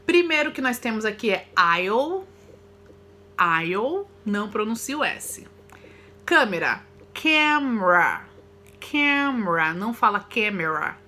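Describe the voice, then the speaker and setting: A woman's voice: on the high side, very animated, sharp tone. A woman with a Brazilian Portuguese accent teaching English vocabulary and pronunciation, drilling words one at a time and repeating examples. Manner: slow, careful word-by-word drilling with repeated examples. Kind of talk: recorded online lesson.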